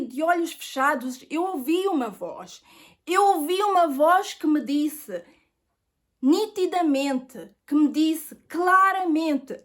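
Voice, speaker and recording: Middle-aged Portuguese woman, high voice, earnest faith testimony to camera. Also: fairly bright tone. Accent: European Portuguese. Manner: earnest, storytelling, addresses viewers as friends. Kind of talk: personal testimony.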